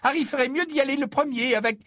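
A man voicing a bustling, bossy middle-aged witch and mother who talks loudly and briskly, his voice pushed up high. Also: dry recording, studio quality. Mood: hurried.

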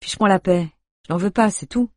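A reader voicing a grumpy man, a doctor with dry, sardonic humour, in an audiobook; the voice is husky. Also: mid-range voice, a little fast, dry recording, voice pushed up, close to an everyday voice.

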